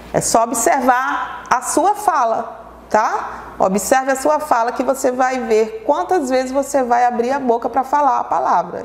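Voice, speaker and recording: Slow, patient woman teacher for young pupils, a little high, in an echoey room with a long tail. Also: creaky. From Brazil. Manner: slow, patient, asks pupils questions and answers them herself. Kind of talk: televised classroom lesson for children.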